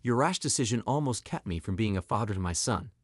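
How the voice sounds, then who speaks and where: A man's voice: fairly low pitch, expressive, quick pace, husky, no echo. A hurt, blunt single father in a spoken story, voiced by the narrator himself, firm and direct. His delivery rises and falls with plenty of movement, recorded dry and close. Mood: stern, hurt. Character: wronged, blunt single father, stern then warm.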